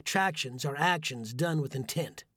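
A man reading a first-person essay aloud as a narrator, measured and earnest. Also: fairly high pitch, fairly bright tone, slightly rough, no room sound, studio quality. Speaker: audiobook narrator. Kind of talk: scripted narration.

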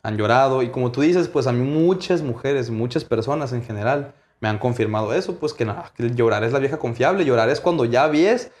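A man's voice: mid-range voice, fairly quick, few pauses, darkish tone. A young man with a Mexican Spanish accent giving blunt opinions in casual chat, slangy, with apologetic asides.

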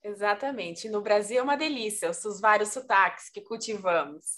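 A woman hosting an interview, asking questions in a measured, polite way and steering the conversation. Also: mid-range voice, fairly bright tone. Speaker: interviewer, deputy consul.

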